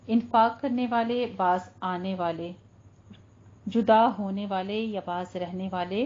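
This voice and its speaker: A woman teaching Quran recitation rules, patiently explaining and drawing recited words out slowly. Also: medium pitch, darkish tone, highs cut off. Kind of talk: tajweed lesson with slow recitation.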